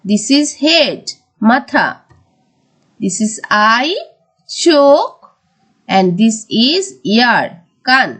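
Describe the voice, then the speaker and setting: Slow, high-voiced woman teacher. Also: animated, fairly bright tone. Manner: slow, drawn-out word-by-word teaching; mixes English words with Bengali explanations. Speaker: primary school English teacher. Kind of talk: recorded classroom lesson.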